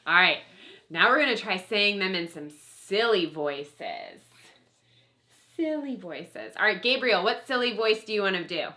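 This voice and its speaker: Woman teacher, bright, lively, slow and coaxing. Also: mid-range voice. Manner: upbeat, playful, coaxing children to chant along. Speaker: homeschool co-op teacher. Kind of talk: leading a class recitation.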